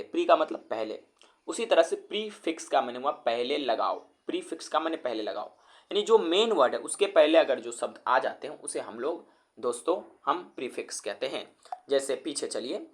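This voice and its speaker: A man teaches English grammar in a slightly high voice. He calls his viewers friends and says each word over, slowly, one syllable at a time. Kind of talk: explanatory lecture.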